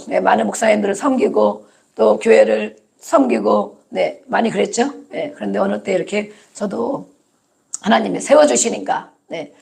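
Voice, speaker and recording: A woman's voice: mid-range voice, creaky, a little mellow. A woman pastor preaching a sermon with emphasis, repeating key words and acting out short quotes.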